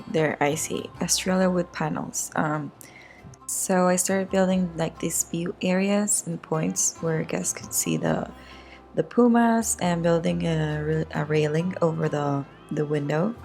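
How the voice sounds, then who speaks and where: Woman, low gravelly and raspy voice, informal game-build narrator who rewords as she goes. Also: a little mellow. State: raspy voice today. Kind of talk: casual voice-over commentary on a game build. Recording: music behind the voice. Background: background music.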